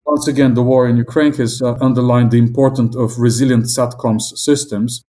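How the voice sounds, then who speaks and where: A middle-aged Southern African man with a non-British English accent answers interview questions as an investment executive, sounding measured, optimistic and businesslike. His mellow voice is medium-pitched with fairly even intonation.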